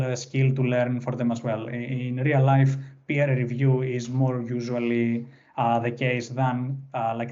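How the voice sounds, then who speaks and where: A young man whose first language is Greek presents an online workshop in Greek-accented English, unscripted and full of "uh" fillers and restarts. His medium-pitched, dark voice comes through a computer mic on a video call, sounding lo-fi.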